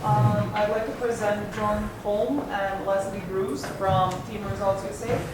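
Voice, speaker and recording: A woman's voice: mid-range voice, level tone, unhurried. Woman introducing a session in an echoey hall. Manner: formal, with hesitant fillers. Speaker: session chair. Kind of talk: introducing speakers. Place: conference hall. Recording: echoey hall from far off, noisy.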